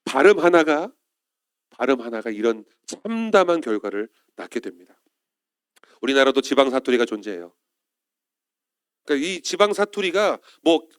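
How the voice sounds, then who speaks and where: A man's voice: on the high side, clear, resonant tone, no room sound, clean studio sound. A male pastor preaching a Sunday sermon in church, often turning to the congregation with questions.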